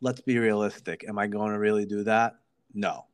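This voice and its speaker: Low-voiced man hosting a casual podcast. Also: level tone, normal speed, clear, resonant tone. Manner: informal, sweary, hype-man phrasing. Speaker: podcast host. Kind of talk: casual interview chat.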